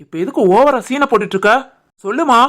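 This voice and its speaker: A woman voicing an earnest, soft-hearted young husband and son in an animated family drama, with a Tirunelveli Tamil accent. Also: on the high side, quick pace, close to an everyday voice. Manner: earnest, pleading.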